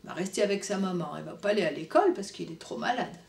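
A woman's voice: medium pitch, animated, quick pace, vocal fry, slight background noise. Playful woman reading a children's story. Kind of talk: reading a picture book to children. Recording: roomy echo, mic far off.

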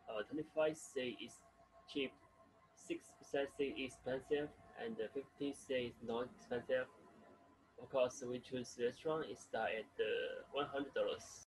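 A young man presents survey results for a class on a webcam, halting often with fillers. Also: medium pitch, darkish tone, a little hiss or hum, poor audio. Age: young adult. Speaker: student presenter.

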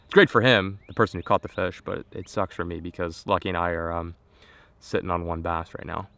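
A man's voice: low voice, steady tone, a little fast, creaky, sharp tone, a little hiss or hum. A young man vlogging to an action camera from a small boat on a lake, upbeat and self-mocking as he thinks aloud. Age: young adult. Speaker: fishing vlogger. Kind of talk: casual vlog to camera.

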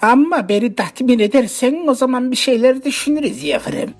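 A man's voice: very high-pitched, a little fast, creaky, exaggerated voice. A man voicing a lecherous, teasing, foul-mouthed little hobbit creature in a parody dub. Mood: teasing, sly.

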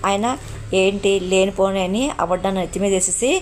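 A woman's voice: mid-range voice, little pitch movement, fairly quick, slight background noise, natural voice. A woman voicing a scheming older aunt who acts sweet and turns defensive, in a retold family drama. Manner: defensive, sugary.

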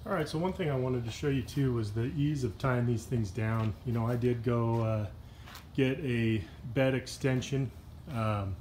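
A man filming a casual vlog outdoors beside a pickup truck, talking in a relaxed, rambling way with lots of "uh" and "you know". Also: medium pitch, moderate pace, a little hiss or hum. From Washington state. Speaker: kayak fishing vlogger. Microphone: handheld phone camera, filming himself off-screen.

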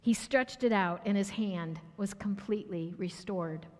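A woman's voice: medium pitch, measured pace, a little mellow. An American woman preaching a sermon in a conversational way, asking the congregation questions and sometimes stumbling over words. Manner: conversational, asks the audience questions, restarts and stumbles. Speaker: pastor. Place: church sanctuary. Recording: church hall reverb.

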